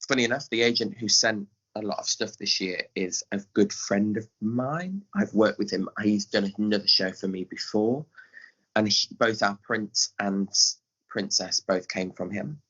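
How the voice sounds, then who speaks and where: This fairly low, fairly bright male voice comes through dull audio. He's an English pantomime director and scriptwriter from England, talking informally as an interview guest about his theatre directing work.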